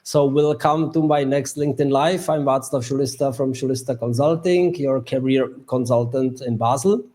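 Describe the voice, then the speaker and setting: Over a video call from a home or office in Switzerland, a man hosts a live online interview as a career consultant. His mid-range voice is warm, and his speech is halting with slightly non-native phrasing.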